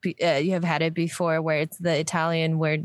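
Playful low-voiced woman, dry sound. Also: little pitch movement, no room sound. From United States. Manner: playful, quick to laugh, teasing questions. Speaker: podcast co-host. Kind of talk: casual chat.

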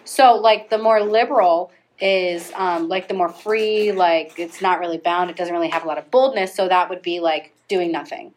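A woman's voice: on the low side, normal speed. A young woman co-hosting a casual podcast, rambling with lots of fillers and frequent laughter. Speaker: podcast co-host. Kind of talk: casual chat.

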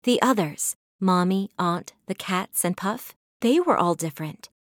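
A woman reading her own children's storybook aloud with gentle, measured storytelling. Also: fairly low pitch, lively intonation, no room sound, studio quality. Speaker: author narrating her own book. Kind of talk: children's audiobook narration.

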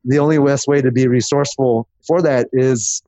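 A growth marketer appears as a guest on a casual interview podcast, rambling through his explanations and listing things off. His medium-pitched voice is steady and dark, at a moderate pace, with no echo.

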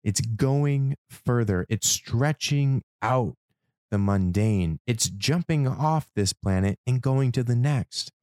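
A man performing a spoken-word poetry monologue as a host, with a dramatic, deliberate delivery in short measured phrases. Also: medium pitch, lively intonation, a little mellow, dry recording, studio quality. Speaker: podcast host.

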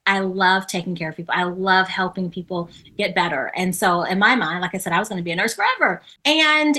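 A middle-aged woman guest on a podcast, effusive and quick to laugh, telling stories in a loose, rambling way. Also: lowish voice, bright, forceful tone. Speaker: guest, former nurse turned coach. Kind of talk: casual podcast interview.

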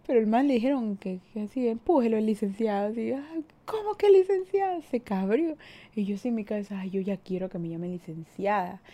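A woman's voice: medium pitch, dark tone. A young woman in her twenties with an Ecuadorian Spanish accent, chatting casually as a podcast host, reading listener comments and laughing often at herself. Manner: giggly, self-mocking, laughs often.

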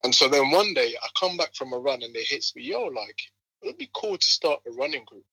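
A man's voice: medium pitch, a little fast, husky, dry recording, poor audio. A man in his twenties with an urban London roadman accent, telling stories casually in slangy, conversational speech as a podcast guest. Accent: London, urban multicultural roadman slang. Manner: slangy, animated retelling with quoted exchanges. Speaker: podcast guest, running group co-founder.

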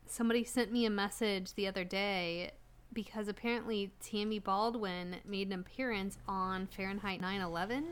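A woman's voice: medium pitch, fairly even intonation, normal speed, clear, resonant tone. A woman from Wisconsin with a Wisconsin accent, playing a tabletop game, giggly and swearing freely. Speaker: player. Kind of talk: casual tabletop play.

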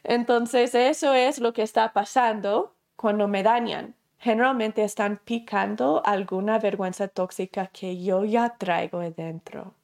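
A woman teaches a class at a middle pitch, neither high nor low. She talks it through conversationally, asking herself questions and acting out everyday examples, and corrects herself as she goes. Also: vocal fry, darkish tone. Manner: explains through self-questioning and acted examples; conversational, with fillers and self-corrections. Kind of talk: spoken lesson to a class.

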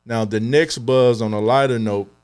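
A man's voice: mid-range voice, steady tone, moderate pace, darkish tone, clean tone. A young adult man co-hosting a podcast, talking earnestly in casual chat, with many fillers and restarts. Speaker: podcast co-host.

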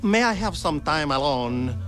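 An actor playing a sleazy kidnapper posing as a French photographer, with a put-on French accent and smooth, overly formal talk. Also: male voice, fairly high pitch, animated, measured pace, music in the background. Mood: oily persuasion. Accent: fake French. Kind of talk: film dialogue.

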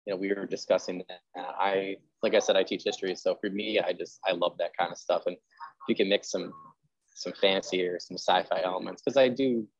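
A history teacher hosts a casual interview about genre fiction, rambling and peppering his talk with "like" and "you know." His low-pitched voice is steady in tone and a little fast, recorded lo-fi with no room sound.

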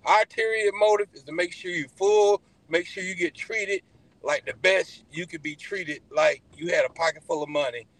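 A man with a Southern US accent telling stories casually as an interview guest, animated and folksy, repeating phrases for emphasis. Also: sits high, moderate pace, poor audio. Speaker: podcast guest, barbecue pitmaster.

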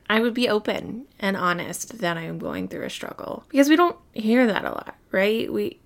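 Woman podcast host with a creaky voice. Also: on the low side. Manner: chatty, candid, speaking directly to the listener. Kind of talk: casual solo podcast monologue addressed to listeners. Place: bedroom, recorded lying in bed.

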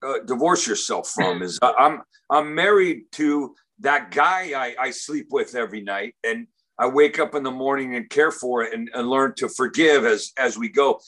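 A man in casual conversation, telling a funny story, animated and often repeating words as he starts sentences. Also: medium pitch, normal speed, hardly any pauses. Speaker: comedian and recovery speaker.

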